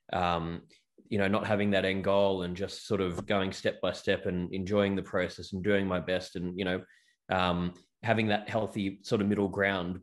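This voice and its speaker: A man hosting an interview, who talks in a rambling, hesitant way with many restarts. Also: low-pitched. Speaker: podcast host and actor. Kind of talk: casual interview.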